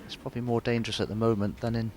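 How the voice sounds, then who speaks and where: A man giving measured, reflective live snooker commentary. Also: medium pitch, little pitch movement. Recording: crowd and noise behind, broadcast arena. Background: arena crowd ambience.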